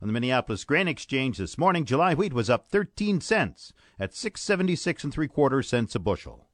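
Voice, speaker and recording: A man with a Canadian accent reading a scripted radio farm report in an announcer's delivery, stepping crisply through figures item by item. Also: mid-range voice, sing-song, brisk, dry recording, clean studio sound. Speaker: radio host reading farm markets and weather.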